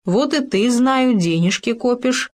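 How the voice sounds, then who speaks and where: A woman puts on a tiny squeaky male hamster from a storybook, calm and innocent, explaining things patiently and slowly in a high, light voice. He sounds clever and unbothered, never rushing. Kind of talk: storybook reading.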